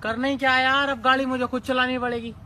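A man in a comic sketch, delivering jokes deadpan. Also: very high voice, fairly quick. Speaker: comedy sketch performer. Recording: noisy, mic at a distance.

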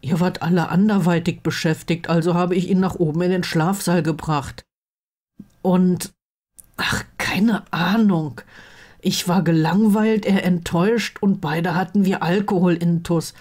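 A woman reading aloud plays a sarcastic teenage wizard boy, worried and a bit glum. Her voice stays close to her own and sounds mellow and warm in a storybook reading. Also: lowish voice, steady tone, unhurried. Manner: sarcastic, dejected. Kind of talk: audiobook reading of fan fiction.

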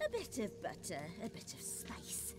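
A woman's voice: normal speed, over loud music, lightly acted. A woman voicing a wicked old witch hag in a video game, cooing with mock-sweet menace. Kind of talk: video game character acting.

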